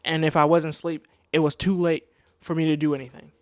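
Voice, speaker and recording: Nineteen-year-old male vlogger, rambling slangy storyteller, voice a bit high, dry room. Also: level tone, a little fast, no echo. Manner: rambling, many restarts, slangy "bro". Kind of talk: casual storytime monologue. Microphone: new desk microphone.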